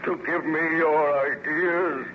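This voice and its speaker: An actor playing an artificial monster, a bitter lonely outcast, in formal declamatory old radio serial style with dramatic pauses. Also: male voice, fairly high pitch, fairly even intonation. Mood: bitter reproach. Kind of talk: 1930s-40s radio serial acting. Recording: noisy muffled old radio recording.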